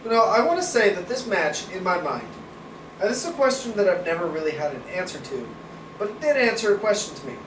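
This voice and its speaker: A man's voice: high voice, big pitch swings, fast talker. A man co-hosting a casual wrestling review podcast, giving strong opinions and swearing casually. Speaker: podcast co-host. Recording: roomy, distant mic, noisy background.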